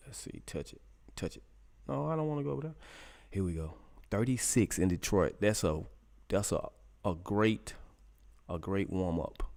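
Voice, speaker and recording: Low-pitched, gravelly and a little mellow, a middle-aged man runs a relaxed live radio stream, looking up weather for people in the chat. He jokes around and mutters to himself while he searches.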